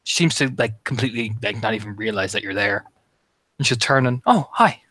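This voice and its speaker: A man's voice: fairly low pitch, steady tone, a little fast, bright, forceful tone, dry recording. A man co-narrating a tabletop game as game master, in a casual, hesitant way.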